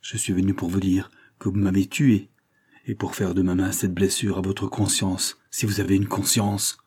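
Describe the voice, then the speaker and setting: A man's voice: low-pitched, flat delivery, moderate pace, darkish tone, breathy edge. A man reading aloud, voicing a betrayed proud woman who speaks with icy disdain. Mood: scornful.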